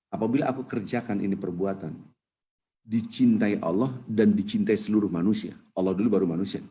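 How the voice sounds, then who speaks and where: A man with an Indonesian accent giving a conversational Ramadan sermon in a mosque, telling stories with animated quoted voices. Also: brisk. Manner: animated storytelling, acts out quoted voices, jumps up in pitch for emphasis. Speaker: ustadz giving a Ramadan lecture.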